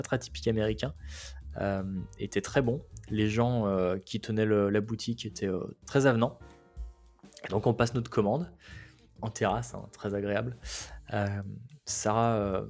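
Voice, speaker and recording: A man from France casually recounting a road trip, chatty and relaxed, with frequent hesitations. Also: fairly low pitch, normal speed, faint music behind. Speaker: travel guest. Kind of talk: casual travel storytelling.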